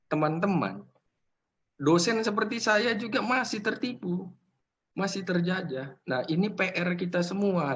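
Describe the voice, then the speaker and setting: A man's voice: on the high side, fairly bright tone. A middle-aged man with an Indonesian accent, a university lecturer giving a casual, joking classroom lecture and teasing students by name.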